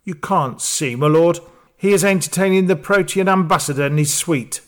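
A man's voice: fairly high pitch, normal speed, pitched above the performer's own voice, natural voice. A man reading an audiobook voices a haughty male footman guarding his lord's door, in a snooty, lofty manner. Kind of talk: audiobook character voice.

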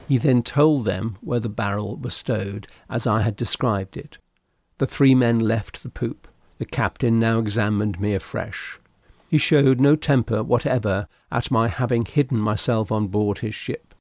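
A man reading a classic sea story aloud in measured, scripted narration. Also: fairly low pitch, darkish tone, no echo, clean studio sound. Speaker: audiobook narrator.

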